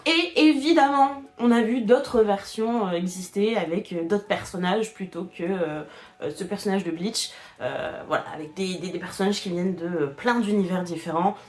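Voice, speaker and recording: A woman narrating a casual explainer voice-over. She hesitates a lot, fills pauses and restarts her sentences. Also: mid-range voice. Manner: hesitant, many fillers and restarts, laughs often. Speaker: video creator explaining internet history. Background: faint background music.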